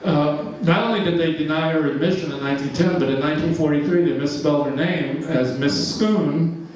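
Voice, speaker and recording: Captured by a distant mic in an echoey, large church hall, a man from Georgia, USA, in his seventies rambles through an informal slideshow talk. He chuckles a lot and leans on fillers. His voice is fairly high and a little fast, with a slight hiss or hum on the recording.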